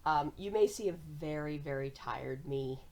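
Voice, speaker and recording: An American woman hosts a cross-stitch vlog, chatting casually and cheerfully to viewers in a conversational manner. Her voice is low-pitched and warm at a moderate pace, with a little hiss or hum in the audio.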